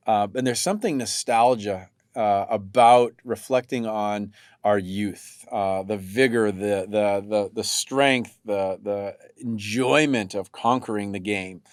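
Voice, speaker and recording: Thoughtful middle-aged podcast host. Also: male voice, lowish voice, fairly even intonation, takes it slowly, no room sound, studio quality. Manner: thoughtful, steers the talk, repeats words as he thinks. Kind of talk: casual conversational podcast.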